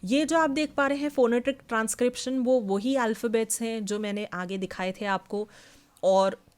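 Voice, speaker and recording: A woman with an Indian accent teaching an English phonology lesson, reading definitions slowly and explaining in a mix of Hindi and English. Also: on the high side, darkish tone, clear, resonant tone. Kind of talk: online class lesson.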